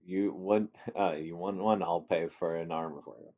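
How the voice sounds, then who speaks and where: A man's voice: deep voice, steady tone, moderate pace, warm tone. A man chatting casually as a tabletop game player, his mic glitching and cutting out. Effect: glitching mic that keeps cutting out. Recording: dull lo-fi online mic with dropouts.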